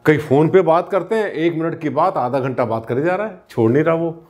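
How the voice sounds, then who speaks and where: A man's voice: on the high side, fairly quick, a little mellow, soft background music. A man who works as a vastu consultant, explaining in a casual, colloquial and teasing way and asking his audience rhetorical questions. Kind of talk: casual spoken explainer to camera.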